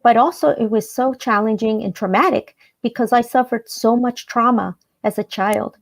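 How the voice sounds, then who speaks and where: Speaking in a fairly high pitch, a Salvadoran woman recounts her life story as a radio interview guest. She comes across as earnest and measured, with some hesitations.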